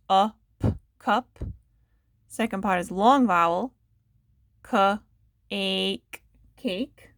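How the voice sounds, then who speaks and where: A woman teacher giving a phonics lesson to young children, sounding out the parts of words slowly and clearly and asking the listener questions. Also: mid-range voice, fairly bright tone, no echo, clean studio sound. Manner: patient, asks the listener questions.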